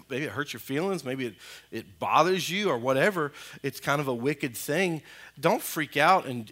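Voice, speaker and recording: Pastor in his thirties, bright, slightly high voice, chatty energetic preaching to a congregation. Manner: conversational, energetic preaching with audience asides. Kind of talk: sermon. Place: church sanctuary.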